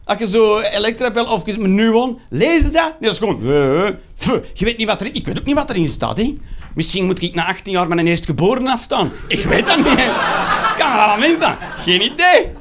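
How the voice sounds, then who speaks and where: A man's voice: sits high, big pitch swings, brisk, fairly bright tone, slight background noise. A Flemish man in his thirties doing a sarcastic, swearing stand-up rant. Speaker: stand-up comedian.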